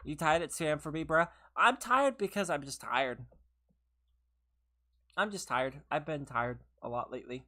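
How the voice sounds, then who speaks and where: Here a woman's low, animated voice sounds pushed and bright at a normal speed. Live-streaming a game from her room, she chats and laughs with her viewers and teases them, all while tired and losing her voice.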